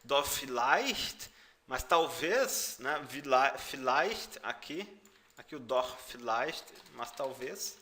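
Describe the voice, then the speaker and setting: A man's voice: mid-range voice, lively intonation, slow, sharp tone. A man with a Brazilian Portuguese accent teaching a German lesson, patiently repeating each phrase and stressing the foreign words. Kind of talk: language lesson explaining song lyrics.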